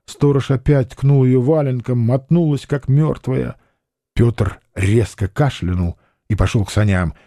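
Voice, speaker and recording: A man narrating an audiobook of a historical novel in a grave, measured manner. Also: mid-range voice, dark tone, no echo, studio quality.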